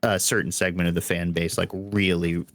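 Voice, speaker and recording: Deep-voiced young man, rambling podcast chat. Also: flat delivery, normal speed, vocal fry, slight background noise. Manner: rambling, heavy use of "like", frequent laughs. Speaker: podcast co-host. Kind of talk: casual music podcast chat.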